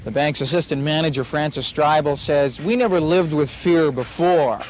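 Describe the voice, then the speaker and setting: A male reporter's voice played from an old newsreel, pitched a little high. He speaks in a formal, measured broadcast manner. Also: a little mellow, a little hiss or hum, poor audio. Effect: old newsreel audio. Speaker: TV news reporter.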